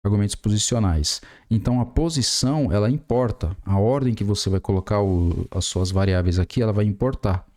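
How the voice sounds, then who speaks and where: With a lowish, slightly mellow voice and a Brazilian Portuguese accent, this Brazilian programming tutor in his 40s speaks fairly quickly, barely pausing. He narrates a screen-recorded coding tutorial step by step as he types, with many fillers.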